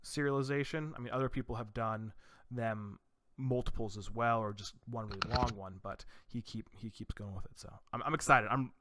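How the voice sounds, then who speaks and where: A man's voice: mid-range voice, fairly even intonation, moderate pace, background noise. A man hosting a casual podcast chat, rambling enthusiastically with frequent restarts. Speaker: podcast host.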